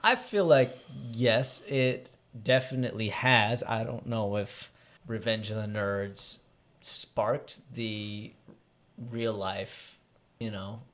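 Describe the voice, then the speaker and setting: A man co-hosting a relaxed movie conversation. He tells stories with animation, laughs through his lines and keeps the banter rolling. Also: lowish voice, slow. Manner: animated storyteller, laughs often. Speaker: podcast co-host. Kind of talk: casual movie chat.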